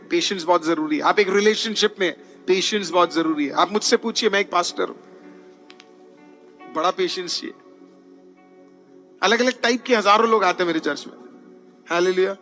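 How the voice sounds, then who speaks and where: A man preaching a sermon in a high, bright voice, calling out hallelujah between points and mixing in English phrases. Faint music plays softly underneath him. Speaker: pastor. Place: church.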